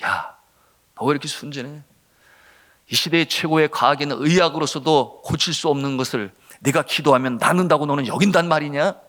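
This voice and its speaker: A man's voice: fairly high pitch, a little fast, a bit bright, natural voice. A man voicing Satan as a mocking tempter who whispers scorn at a naive believer, within a sermon.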